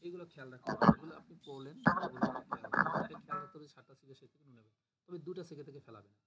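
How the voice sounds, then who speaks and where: A man's voice: a little high, racing, a crowd in the background. A man teaching a grammar class, patiently explaining and repeating word forms aloud for students to drill. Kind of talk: online class lecture.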